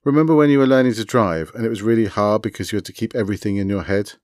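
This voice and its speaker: A man reading a story, voicing a gruff, blunt young man who growls his lines. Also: lowish voice, very fast, darkish tone, no room sound, clean studio sound, lightly acted.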